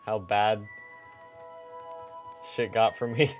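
A man's voice: fairly low pitch, steady tone, slow pace. A young man in loose, playful, sweary chat with friends during a video game. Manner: profane, playful. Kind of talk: casual gaming chat with friends. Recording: faint music behind the voice.

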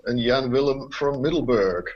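A man hosting and moderating an online panel in an upbeat, quick manner. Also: medium pitch, noisy background. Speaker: host. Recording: dull lo-fi audio.

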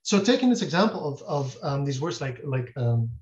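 A man's voice: medium pitch, big pitch swings, normal speed, a little mellow. A man, a guest scholar, explains at length in an interview, thinking aloud and restarting his sentences. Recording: dull lo-fi audio.

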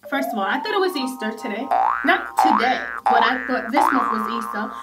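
A woman, chatting and joking to camera in an animated way, often repeating phrases. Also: a little high, a little fast, loud music behind the voice. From the Bronx, New York. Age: 20s. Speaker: vlog host. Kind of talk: casual joking chat to camera. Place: small indoor room at home, camera a little away. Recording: slightly noisy, distant home recording.

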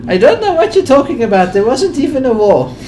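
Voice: high-pitched, very animated, a little fast, dark tone, voice pushed up. A gamer voicing an eccentric male scientist with a mock German accent, rambling mock-earnestly over a let's play. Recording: home recording with clear background noise.

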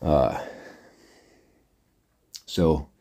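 A man's voice: drawn-out words, warm tone. A middle-aged man vlogging casually to his viewers, rambling in a plain-spoken way with lots of "uh"s and "anyways". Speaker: trucker vlogger. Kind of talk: casual monologue to camera.

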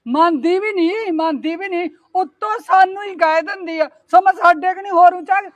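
A woman playing a scolding, suspicious older mother-in-law in a comic family sketch, shrill and nagging. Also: normal speed, no echo, dull audio. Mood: complaining. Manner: shrill nagging, wailing complaints.

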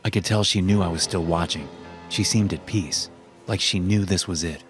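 Young man, very low voice, tense hushed horror narration, loud music under it. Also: moderate pace. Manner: tense, hushed, casual swearing.

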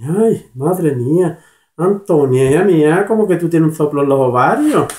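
A shrill, frantic mother yells and curses, as a man puts her on in a joke. The voice is pushed far above a man's normal pitch. It rings out in an echoey room. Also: expressive, normal speed, close to an everyday voice. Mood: alarmed. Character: frantic foul-mouthed mother, middle-aged woman.

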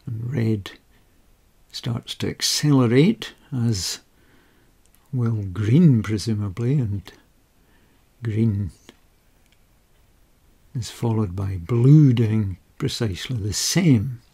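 Slow, gravelly, mellow-voiced man explaining. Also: fairly low pitch. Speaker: game rules explainer.

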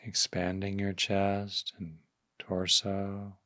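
A male meditation teacher guides a session in a low, monotone voice, speaking gently and softly in brief phrases separated by long pauses. The recording is studio quality with no echo.

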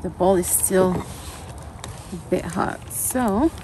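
A young woman vlogger chats casually as she walks viewers step by step through cooking a camp meal by a fire at an outdoor campsite, her camera set a short way off. Her voice is lowish and slow, with a noisy background.

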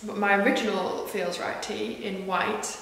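A woman's voice: mid-range voice, fairly even intonation, measured pace, creaky, a bit bright. Chatty knitwear vlogger, woman, recorded on the camera mic in a large echoey room with faint background noise. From northwest England. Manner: chatty, self-deprecating, many ums and asides. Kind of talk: casual chat to camera.

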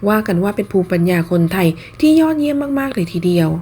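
A woman narrating online news in a scripted, polite, steady read-aloud manner with soft sentence endings. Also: medium pitch, fast, slight background noise.

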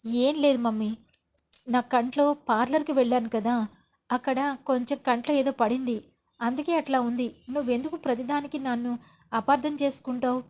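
A woman's voice: high-pitched, fairly even intonation, normal speed, darkish tone, natural voice. A woman voicing a jealous, spiteful young woman who speaks bitterly and threatens in a serial retelling. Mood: defensive.

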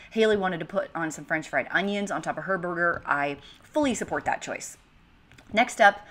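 A woman's voice: lowish voice, a bit bright. A woman in her thirties from the United States, hosting a home cooking channel in a chatty, upbeat voice-over with casual asides. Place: home kitchen.

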